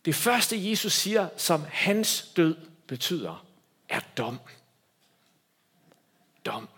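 A man preaching a sermon as a pastor, swinging between loud emphatic lines and hushed quiet ones. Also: on the high side, very animated, breathy edge.

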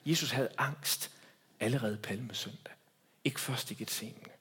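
A man preaching a sermon as a pastor, swinging between loud emphatic lines and hushed quiet ones. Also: mid-range voice, a little hiss or hum.

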